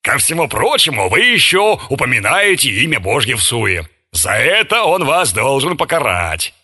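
A man's voice: mid-range voice, sing-song, normal speed, sharp tone, slightly rough, exaggerated voice. A man voicing a jovial, gluttonous army chaplain who lectures pompously. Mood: mock stern. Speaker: military chaplain.

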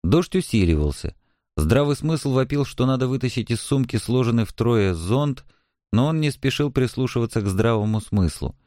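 A man narrating a literary story as an audiobook, calm and measured. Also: medium pitch, no echo, studio quality.

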